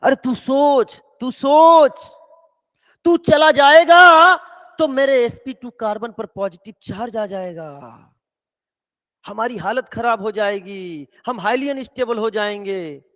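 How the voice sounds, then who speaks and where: A man voicing the anxious family of an ion, pleading loudly with it to stay, in an echoey hall with dull sound. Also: very high voice, takes it slowly, pitched above the performer's own voice, heavily acted. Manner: pleading, raising the voice.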